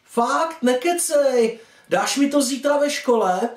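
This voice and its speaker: Bubbly teen girl chattering, high and excited, guy doing the voice, echoey. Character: giggly, chatty teenage girl. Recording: echoey room, distant mic.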